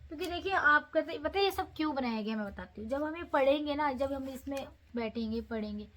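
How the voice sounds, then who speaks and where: A woman's voice: sits high, animated, brisk, fairly bright tone. A woman giving patient, repetitive step-by-step guidance on daily devotional reading, mixing English words into her talk. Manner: patient, repeats instructions, mixes in English words. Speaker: devotee guiding followers on daily scripture reading. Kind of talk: casual devotional how-to talk.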